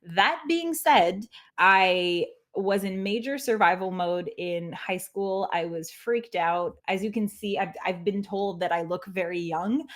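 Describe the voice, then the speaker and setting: Hosting a relaxed teaching webinar, a Francophone woman in her thirties from Quebec, Canada, speaks at a measured pace in a mid-range, fairly bright voice. Her style is chatty and self-mocking, with frequent laughs and lots of "like."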